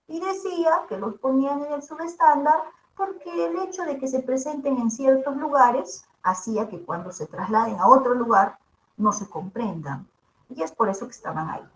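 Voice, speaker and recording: A woman teacher, giving a linguistics lecture in a lively way and asking her class rhetorical questions often. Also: fairly high pitch. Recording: echoey room.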